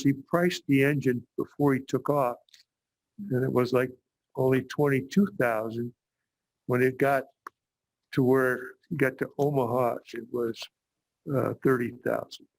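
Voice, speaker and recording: A man's voice: medium pitch, creaky, dry recording. A man chairing a school board meeting, plainspoken and rambling. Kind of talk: meeting discussion.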